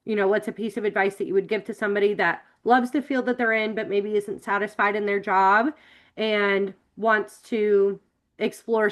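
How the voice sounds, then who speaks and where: Chatty woman interviewer on a video call, easygoing, lots of you knows. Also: medium pitch. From Florida, United States. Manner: chatty, warm questions with many fillers. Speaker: interview host.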